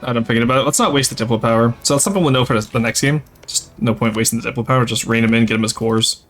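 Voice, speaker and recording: In a rapid-fire, mid-range voice that's a bit bright, a young streamer talks over faint music. He's French Canadian, from Quebec, Canada, with a light Québécois accent, casually chatting with viewers while he plays a strategy game. It's a casual gameplay livestream where he stays chatty, reading and answering chat while playing.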